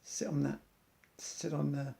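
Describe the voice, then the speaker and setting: A man's voice: a little high, flat delivery, measured pace, gravelly, mellow. A man, an amateur athlete, earnestly reciting an inspirational monologue in loose rhymes.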